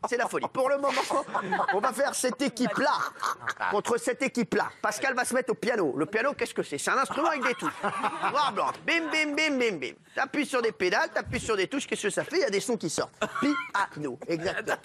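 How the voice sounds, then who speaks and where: A man hosting a live TV talk show, joking and teasing his guests in a rapid, playful way. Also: very high-pitched, expressive, background noise. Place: TV studio. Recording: live studio audience behind.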